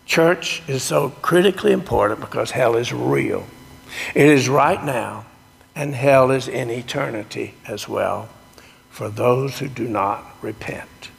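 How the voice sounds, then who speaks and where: A male pastor leads the liturgy with slow, deliberate phrasing and a gravelly edge to his voice. Every word rings out in a long cathedral echo that fills the church sanctuary. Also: medium pitch. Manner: slow, measured liturgical delivery. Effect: cathedral echo, long church reverb. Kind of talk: sermon and communion liturgy. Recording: long echoing church reverb.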